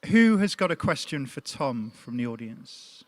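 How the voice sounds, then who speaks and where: A man's voice: medium pitch, sing-song, a little slow. A man hosting a live panel talk, friendly and chatty as he leads the questions. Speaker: panel host.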